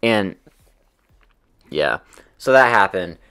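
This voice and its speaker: Low-voiced young man rambling through a story. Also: animated, slow, pushed and bright, clean tone. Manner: rambling, loose, heavy with fillers and swearing. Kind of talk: casual storytelling.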